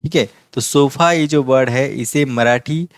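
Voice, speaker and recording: A man teaching a vocabulary lesson, patiently repeating each word slowly. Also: medium pitch, no echo. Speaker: language teacher.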